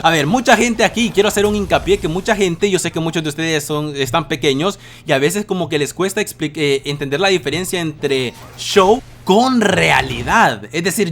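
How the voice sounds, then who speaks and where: Fielding viewer questions in a casual vlog filmed in his bedroom, a young male youtuber in his 20s speaks with a fairly high, slightly bright voice. Frequent swearing and dramatic outbursts mark his talk.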